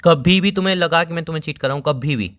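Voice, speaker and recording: A man's voice: fairly high pitch, fast talker, a bit bright. A young man on a phone call with his girlfriend, pleading and defensive, trying to get a word in. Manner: pleading and defensive, talks over her. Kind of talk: phone argument between a couple.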